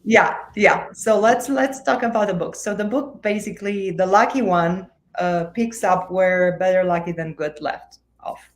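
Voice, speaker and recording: A woman from Romania, hosting an online book event on a video call in a halting way with many fillers. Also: mid-range voice. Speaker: host.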